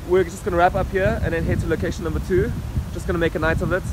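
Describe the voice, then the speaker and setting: On a wet city night, moving between rooftop and street, a male vlogger in his thirties gives a brisk, upbeat rundown of his photography setup straight to the arm's-length camera. The voice stays high with little movement in pitch, against loud outdoor wind, rain and traffic.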